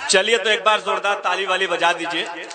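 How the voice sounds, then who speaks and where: A man, a poet reciting verse at a live mushaira, declaiming and building to shouts. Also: sits high, fairly even intonation, normal speed. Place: outdoor stage before a crowd. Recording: crowd noise at a live event. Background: cheering crowd.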